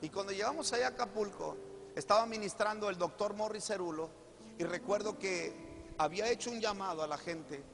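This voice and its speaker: A man's voice: high voice, brisk, gravelly. A middle-aged Mexican man preaching a testimony, telling his story and often repeating phrases as he speaks straight to the congregation. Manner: storytelling, repeats phrases, addresses audience directly. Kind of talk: sermon testimony. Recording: echoey hall with music behind.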